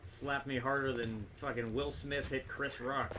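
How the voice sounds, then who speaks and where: A man's voice: medium pitch, fairly even intonation, a little slow. A man giving casual, wry gameplay commentary and chatting with viewers, swearing freely. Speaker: game livestreamer. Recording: noisy, distant mic with game sound. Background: video game sound.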